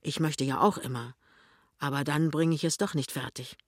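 A man's voice: a little high, fairly even intonation, normal speed, no room sound, clean studio sound, lightly acted. A man voicing an anxious, hesitant young salesman husband in an audiobook reading. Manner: hesitant, grumbling.

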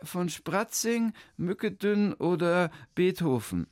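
Man playing a shrill clerk woman, high-pitched, loud, brisk, officious, dry recording. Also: lively intonation, no room sound. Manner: brisk bureaucratic chatter.

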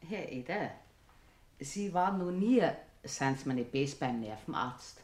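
A woman's voice: low voice, expressive, measured pace, a little mellow. A woman with a Bavarian accent playing an impatient, scolding housewife in a radio play. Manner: scolding, exasperated. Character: sharp-tongued landlady, impatient and scolding. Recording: roomy studio recording.

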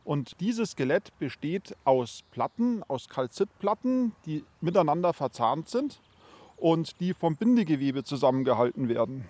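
A man's voice: on the high side, big pitch swings, a little slow, darkish tone, dry recording. A man speaking as an expert in an interview, explaining vividly and with fascination.

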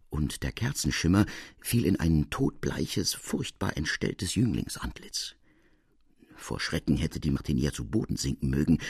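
A man narrating a classic tale as an audiobook, in an expressive, dramatic reading. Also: rumbling low, husky, no echo, clean studio sound.

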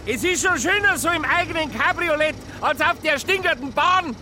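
A hearty, chatty middle-aged car buyer from the provinces, with a broad Bavarian accent. His voice sits very high and sounds bright and sharp, with faint street noise behind it in this radio play. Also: expressive, moderate pace. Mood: pleased.

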